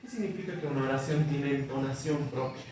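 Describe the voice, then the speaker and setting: A man's voice: mid-range voice, quick pace, a little mellow, faint music behind. A male teacher giving a classroom lecture, explaining patiently and often checking in with his students. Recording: echoey room from far off, faint noise.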